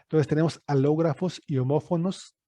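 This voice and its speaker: A man's voice: a little high, brisk, warm tone, no echo. A man from Yucatán, Mexico, with a Yucatecan Spanish accent, giving a recorded lecture as an archaeologist, explaining step by step with frequent fillers and check-in questions.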